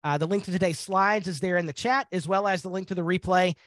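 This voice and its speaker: A man's voice: sits high, fast talker, fairly bright tone, dry recording. A man hosting a live training webinar on a video call, upbeat and conversational, with frequent fillers.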